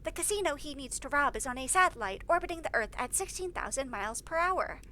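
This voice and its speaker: A woman's voice: high-pitched, lively intonation, quick pace, sharp tone, a little hiss or hum, pitched above the performer's own voice. A woman voicing a pedantic middle-aged father who explains a movie plot in detail. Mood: explaining.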